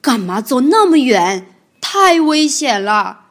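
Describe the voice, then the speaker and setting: A woman voicing a big tyrannosaurus who turns into a gentle father, speaking in a gruff, drawn-out way. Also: high voice, sing-song, heavily acted.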